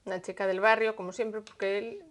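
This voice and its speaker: A woman's voice: medium pitch, level tone, brisk, a crowd in the background. A woman on a chat panel, teasing and ironic, who laughs often.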